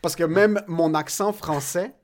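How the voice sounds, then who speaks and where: A man's voice: fairly high pitch, measured pace. A man co-hosting a podcast, chatting casually, swearing and mixing in English words. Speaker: podcast co-host. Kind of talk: casual chat.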